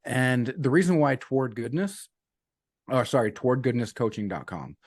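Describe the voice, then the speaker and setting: A man guesting as a business and life coach in a casual interview speaks at medium pitch and normal speed, expressive and earnest. He keeps repeating his key sayings, sprinkling in "man" and "you know." The recording is studio quality with no echo.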